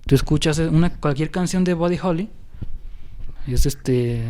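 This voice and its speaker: A young man with a Mexican accent hosts a casual podcast about music history, rambling along with many fillers and restarts. His voice is fairly high-pitched with a dark tone, and he speaks unhurriedly.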